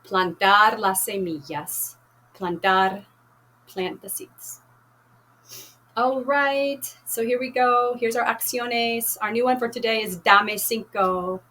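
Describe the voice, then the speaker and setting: A woman teaching a Spanish class, reading a novel aloud and leading activities, speaking slowly and clearly, repeating and translating words. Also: fairly high pitch, steady tone, sharp tone.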